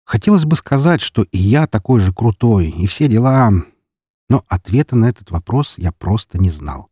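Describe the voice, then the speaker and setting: A man narrating a first-person audiobook in a dry, even storytelling manner. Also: fairly low pitch, normal speed, slightly rough, no echo.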